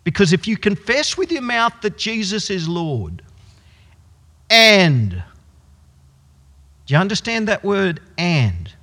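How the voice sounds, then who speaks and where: A male pastor delivering a sermon with a lively, swinging delivery, drifting into anecdotes and then slowing down, dropping his voice for emphasis. His voice sits a bit high for a man, and it rings out in a large church hall with a long echo. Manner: storytelling, swings from loud to hushed for emphasis. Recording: echoey hall with long reverb.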